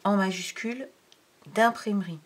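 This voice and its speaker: A French primary school teacher with a husky, medium-pitched voice guides a young pupil through handwriting. She goes slowly, explaining each stroke in turn and counting aloud as she writes. At times her voice sinks almost to a whisper.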